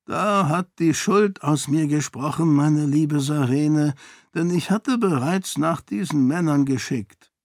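A man's voice: on the high side, slow, a little mellow, no room sound, clean studio sound, voice pushed up. Man voicing a grave old duke.

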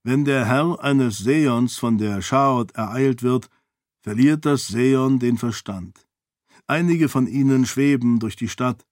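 A man's voice: medium pitch, slow, darkish tone, dry recording, natural voice. A man voicing a big, laconic, wry and guarded man in an audiobook reading, speaking tersely and dryly. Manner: terse, dry.

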